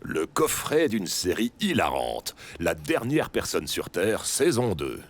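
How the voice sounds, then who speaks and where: A man's voice: low voice, huge pitch swings, slow, heavily acted. A man playing a jolly old bearded Santa Claus with a sinister streak, theatrical and grandly reassuring, in a French audio drama. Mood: awkwardly coaxing. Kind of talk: scripted French audio fiction acting.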